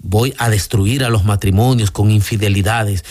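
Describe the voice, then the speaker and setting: A man's voice: fairly even intonation, a little mellow, no echo, close to an everyday voice. A man voicing a scheming male demon of lust who lays out his plans. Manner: slow, low and insistent.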